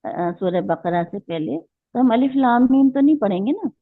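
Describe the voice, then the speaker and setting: Female recitation teacher, unhurried and methodical, quizzes the class; thin phone-quality audio, no room sound. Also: a little high, lively intonation, dry recording. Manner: patient, explaining step by step with questions to students. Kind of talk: online class lecture. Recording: tinny phone-like line.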